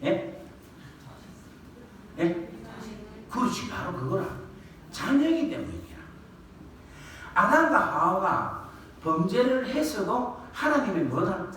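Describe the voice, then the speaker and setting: A man's voice: high-pitched, slow, pauses often, background noise. A male revival preacher, delivering a colloquial sermon and quizzing the congregation. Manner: lively, colloquial, asks the congregation questions and acts out quoted scolding. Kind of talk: revival sermon with call and response. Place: church sanctuary. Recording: echoey church hall, distant mic.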